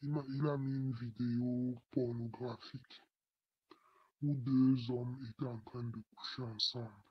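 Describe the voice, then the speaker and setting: A young man in his late teens, his voice altered by a voice changer, reading a personal testimony in a halting way. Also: mid-range voice, husky, no echo, highs cut off. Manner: slow, flat, halting delivery. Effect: voice changer disguising the voice.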